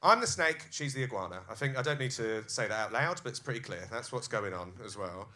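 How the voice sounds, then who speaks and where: A man's voice: mid-range voice, expressive, brisk, sharp tone, slight background noise. A man doing a live stand-up set in a comedy club, acting out scenes with crude jokes. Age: 30s.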